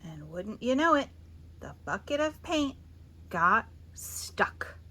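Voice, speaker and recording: With dramatic pauses and strong emphasis, a woman brings children's picture books to life, reading theatrically and expressively. Her voice sits in the mid-range.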